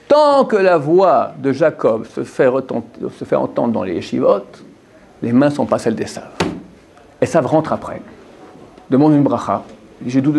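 A man's voice: fairly high pitch, darkish tone, a little hiss or hum. A man giving a Torah lesson to a group of men, repeating phrases and putting questions to his listeners. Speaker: Torah teacher.

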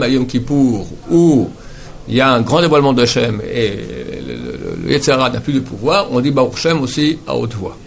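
A man gives a lesson on prayer in a mid-pitched voice. He talks patiently and repeats each word slowly and carefully so the listeners can copy how it is said. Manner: patient, repeats Hebrew words slowly to model pronunciation. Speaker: Torah teacher.

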